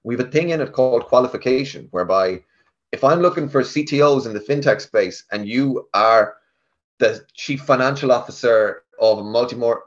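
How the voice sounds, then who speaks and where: A man's voice: mid-range voice, dull audio. A man with a west of Ireland accent telling his story casually and chattily, often acting out bits of conversation in his own voice. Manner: chatty, self-quoting, informal. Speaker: interview guest, tech sales team lead.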